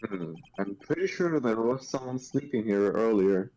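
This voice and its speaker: A man's voice: lowish voice, lively intonation, normal speed, mellow, highs cut off. A man reading video game dialogue aloud, mixed with casual commentary. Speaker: gaming show player and reader.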